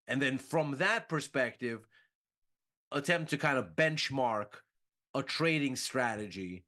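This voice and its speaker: A man's voice: medium pitch, pushed and bright. A man explaining a market outlook methodically, posing rhetorical questions as he walks through the numbers. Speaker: market analyst.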